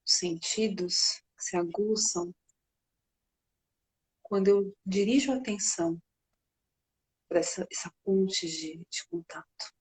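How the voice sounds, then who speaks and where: A Brazilian woman leading a guided meditation in a soft, breathy voice, gently and unhurriedly, with long pauses. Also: medium pitch, poor audio.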